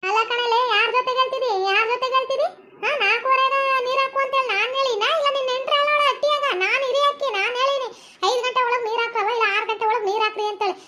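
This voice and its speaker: A woman acts out a domineering older mother-in-law in a comedy skit, scolding her family in a North Karnataka Kannada accent. The voice sits very high and sounds bright and sharp. She talks fast. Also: fairly even intonation, a little hiss or hum. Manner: bossy, scolding.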